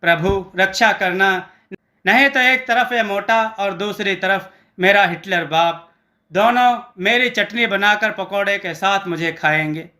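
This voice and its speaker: A man's voice: high-pitched, a little slow, sharp tone. A man doing a fretful lazy young cook. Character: timid, lazy young male pakoda cook.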